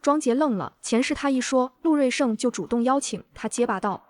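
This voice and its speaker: A woman's voice: high-pitched, brisk, no echo, clean studio sound, lightly acted. A woman voicing a cold, reborn young heroine. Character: cool-headed reborn young woman, vengeful. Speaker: first-person narrator and heroine. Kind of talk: dramatic audio narration.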